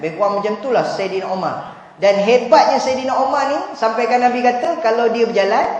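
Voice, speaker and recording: A man's voice: high-pitched, a little mellow. A man with a Malaysian Malay accent giving a humorous religious lecture in a mosque, telling jokey stories and acting out characters. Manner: jokey storytelling, acts out characters. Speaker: preacher. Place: large mosque hall. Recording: very echoey hall, faint ambient noise.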